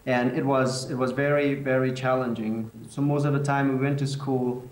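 A man from Afghanistan speaks earnestly over a video link, often repeating words as he goes. His voice is mid-pitched and carried through echoey room speakers. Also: little pitch movement, normal speed. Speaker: program coordinator. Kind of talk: personal account.

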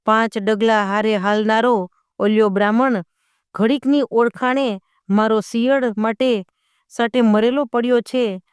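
A woman's voice: a little high, darkish tone, clean tone, no room sound, clean studio sound, lightly acted. A woman reading as a fierce young Rajput wife. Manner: fierce, scornful reproach. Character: proud young Rajput wife scorning her cowardly husband.

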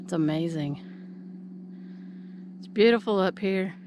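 A woman's voice: on the low side, measured pace, a little mellow. A middle-aged woman talking casually to her camera as she hikes, somewhat out of breath, musing aloud in short phrases. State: out of breath from climbing. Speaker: vlogger. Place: outdoors on a wooded hillside trail. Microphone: handheld camera at arm's length. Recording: outdoor trail sound with clear background noise.

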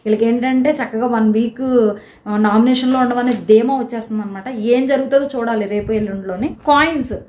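A woman giving a casual, animated recap of a reality show episode, telling who quarreled with whom. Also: a little high, a little fast. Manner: chatty, animated retelling of quarrels. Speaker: show reviewer. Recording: echoey room.

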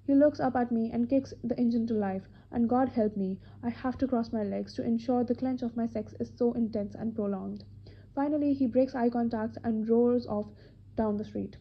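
A woman reading a first-person romance novel aloud as an amateur narrator, with a husky voice, now and then repeating a line. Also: a little high, normal speed. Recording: dull lo-fi home recording.

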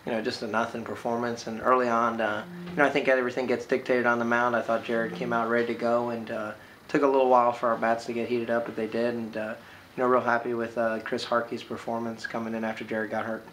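A man in his thirties, a baseball coach giving a postgame interview, talking quickly and filling pauses with "you know". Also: mid-range voice, little pitch movement, fairly bright tone, a little hiss or hum, poor audio. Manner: filler-heavy, with frequent "you know"s. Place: indoor room by large windows.

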